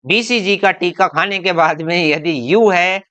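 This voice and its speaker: An Indian-accented male teacher explains his lesson in a bright, forceful voice with a crisp, clean tone. He reads out example words one by one in a slow, deliberate drill. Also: high-pitched. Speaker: English teacher. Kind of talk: classroom-style lesson.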